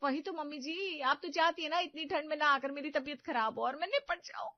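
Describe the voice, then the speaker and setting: A woman voicing a self-pitying young bride in a cartoon story, whining and accusing everyone around her in theatrical bursts. The voice sits fairly high, with a dry, slightly dull sound and no room around it. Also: fairly quick, dry recording, lightly acted. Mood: wailing accusing. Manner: whiny, accusing, theatrical wailing. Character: melodramatic young female daughter-in-law, self-pitying. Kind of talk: animated story voice acting.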